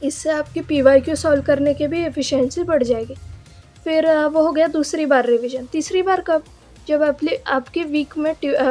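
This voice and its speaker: A woman's voice: high-pitched, mellow. A young woman from Maharashtra gives exam revision advice. She explains each step and asks herself rhetorical questions along the way. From Maharashtra, India. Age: young adult. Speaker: student giving exam advice. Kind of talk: casual advice vlog.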